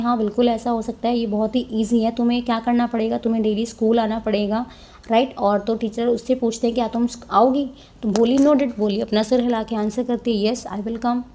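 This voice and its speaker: A woman teaches a textbook chapter, reading each passage slowly before explaining it in a Hindi-mix. Her voice sits fairly high and sounds mellow and soft. She keeps checking in with her listeners through little tag questions. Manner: reads English lines slowly, then explains in Hindi-English mix. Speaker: English teacher.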